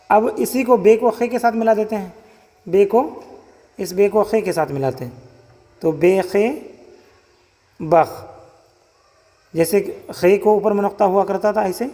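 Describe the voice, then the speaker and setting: High-voiced man teaching Urdu letters slowly. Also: warm tone. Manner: slow, repeats letter sounds and syllables. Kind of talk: step-by-step writing lesson. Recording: long hall reverb.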